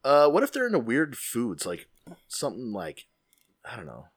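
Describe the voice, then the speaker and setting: A man's voice: mid-range voice, huge pitch swings, normal speed, dry recording, clean studio sound. A man co-hosting a podcast, sarcastic and goofy in casual banter, swearing freely. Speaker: podcast co-host.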